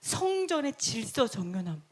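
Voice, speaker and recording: A woman's voice: a little high, sing-song, normal speed. A woman teaching a Bible story lesson, retelling it dramatically and laughing often as she goes.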